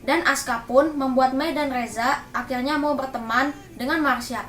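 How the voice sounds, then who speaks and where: A woman's voice: sits high, fairly even intonation, moderate pace, a bit bright. A woman giving a scripted Bible reflection as a school devotion leader, in a formal address to teachers and classmates. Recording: echoey room.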